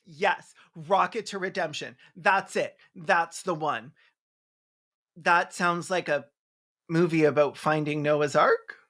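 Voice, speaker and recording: Hosting a comedic film review video, a speaker delivers sarcastic scripted commentary in a mocking, theatrical way. The voice is medium-pitched and fairly bright, and the pace is slow.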